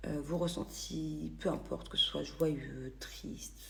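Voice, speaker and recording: Slow and steady in tone, this woman's creaky voice sits low. As a vlogger from France's Paris region, she tells stories casually to her followers over a phone, often restarting and using plenty of fillers.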